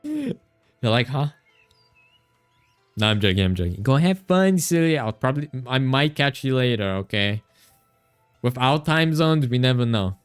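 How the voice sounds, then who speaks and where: Goofy guy streamer reading game text, teasing chat, smooth clear voice, some music under it. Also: mid-range voice, very animated, moderate pace. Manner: playful and teasing, laughs often, stumbles reading game text aloud. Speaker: VTuber streamer. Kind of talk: casual gaming livestream chat.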